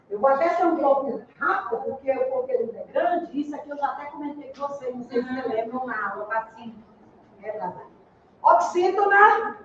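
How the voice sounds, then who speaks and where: A woman teaching Portuguese in an exam-prep lecture, explaining step by step and checking in with her students. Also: sits high. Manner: explains step by step, asks "né?" and "entendeu?". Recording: echoey room, distant dull mic.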